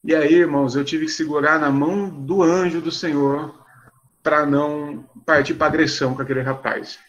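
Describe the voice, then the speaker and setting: A man, a pastor telling a story to a live online audience in an animated, sarcastic way. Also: on the high side, normal speed, muffled recording.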